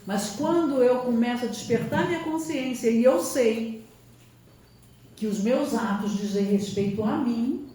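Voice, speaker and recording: A woman with a Brazilian accent delivers an earnest spiritual lecture, her voice fairly high yet mellow and warm. She presses her points with rhetorical questions. The sound is heavily echoey and picked up from a distant mic in a large hall. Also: a little slow, slight background noise. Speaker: psychologist.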